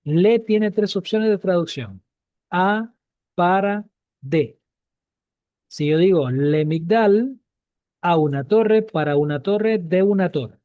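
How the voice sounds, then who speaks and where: A man's voice: sits high, slow, no room sound, narrow, tinny audio. Guy teaching hebrew online, keeps repeating stuff, asks questions, dry sound. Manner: repeats key points, asks students questions. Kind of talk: online class lesson.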